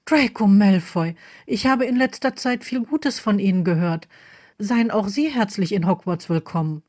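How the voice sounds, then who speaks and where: A woman's voice: medium pitch, normal speed, darkish tone, close to an everyday voice. A woman voicing a stern but kind older headmistress who speaks formally and urgently. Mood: welcoming.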